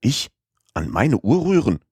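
A man voicing a talkative, excitable French manservant in an audiobook reading, his voice rising higher when he gets emphatic. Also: moderate pace, no echo, clean studio sound. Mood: chatty. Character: chatty, excitable French manservant, stubborn and proud. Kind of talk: audiobook character voice.

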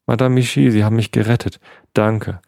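A man voicing an excitable, indignant male pet rabbit in a bedtime story, with outraged, pleading outbursts. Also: on the low side, a little fast, creaky, no room sound, studio quality. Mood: relieved.

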